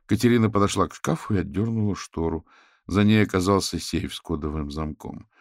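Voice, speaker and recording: A man narrating a novel as an audiobook, in steady storytelling. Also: low-pitched, a little fast, no room sound, studio quality. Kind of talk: scripted narration.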